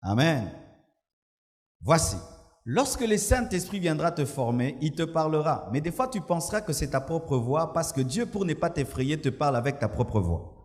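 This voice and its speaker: Male pastor, fairly high voice, lively sermon delivery, long hall echo. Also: normal speed. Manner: preaching with shouted mimicry and laughter.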